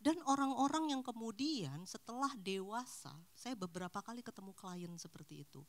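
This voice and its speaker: A middle-aged woman speaks in a relaxed, chatty way to a church group of married couples. Her pitch rises and falls freely. Now and then she slips into short acted bits of everyday talk. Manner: animated, acts out little dialogues. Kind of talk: casual talk.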